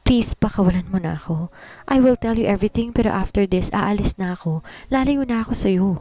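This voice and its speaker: A woman's voice: medium pitch, brisk, mellow, no room sound, close to an everyday voice. A woman voicing a frightened young woman held captive, pleading in a raised voice.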